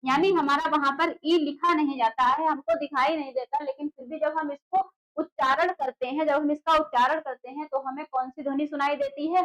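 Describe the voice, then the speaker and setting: A woman with a high voice gives an exam-prep lesson at the board. She explains patiently, repeats key words and asks quick rhetorical questions that she answers herself. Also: low-quality recording. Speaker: Hindi teacher for exam prep. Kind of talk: classroom lecture at a board.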